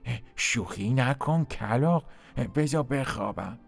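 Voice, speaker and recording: A man's voice: medium pitch, lively intonation, creaky, husky, pitched above the performer's own voice. A man voicing a drowsy, grumpy dog in a storybook tale, grumbling with groaning sighs. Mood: grumpy, sleepy.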